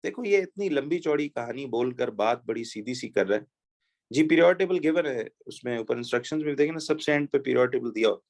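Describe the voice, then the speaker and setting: A man teaching a chemistry lesson, reading exam questions slowly and explaining step by step with rhetorical questions to his pupils. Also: medium pitch, lively intonation, gravelly, a little mellow.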